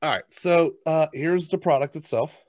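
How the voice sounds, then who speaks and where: A man's voice: a little high, normal speed, darkish tone, no room sound. American man casually reviewing snacks, dry close sound. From United States. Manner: matter-of-fact, eats crunchy snacks while reviewing. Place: indoors, at a desk on a video call. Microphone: headset.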